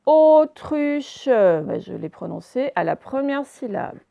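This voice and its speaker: A woman teacher giving a recorded phonics lesson for young children, saying words slowly and over-articulating them, with repetitions and fillers. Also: medium pitch, lively intonation, gravelly, warm tone. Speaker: primary school teacher.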